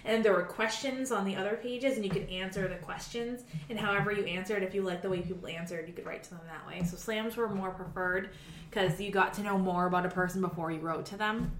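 A woman's voice: mid-range voice, steady tone, quick pace, slight background noise. A woman in her forties from New England, chatting casually and rambling through a story with lots of fillers. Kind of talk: casual chat. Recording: echoey room.

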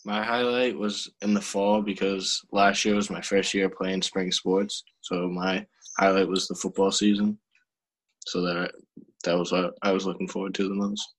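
A man's voice: deep voice, flat delivery, moderate pace, rough recording. An eighteen-year-old young man talking plainly and steadily about his senior year. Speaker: high school senior.

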